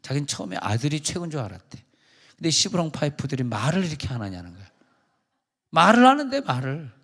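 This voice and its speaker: A man's voice: medium pitch, sing-song, fast, slightly rough, long reverb tail. A male pastor giving a conversational, joking sermon to his congregation. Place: large church sanctuary.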